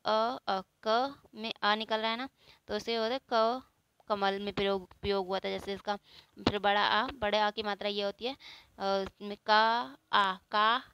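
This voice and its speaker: A woman's voice: mid-range voice, fairly even intonation, moderate pace, fairly bright tone, clear, resonant tone. A woman teaching a grammar lesson, explaining step by step, asking and answering her own questions and drawing out the example sounds. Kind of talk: spoken Hindi grammar lesson.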